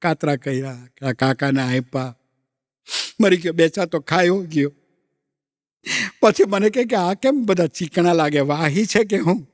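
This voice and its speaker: A man's voice: on the high side, measured pace, pauses often, a little mellow, clean studio sound, voice pushed down, close to an everyday voice. A man voicing an older village woman who tells a friend her woes on a live stage. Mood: lamenting. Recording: echoey live stage hall.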